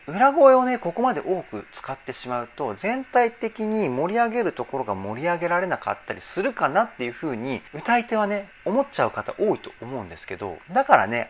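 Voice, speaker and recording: A man's voice: medium pitch, a bit bright, a little hiss or hum. A man working as a vocal trainer, giving effusive reaction commentary on a song. He breaks into exclamations between short analytic remarks. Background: faint song playing.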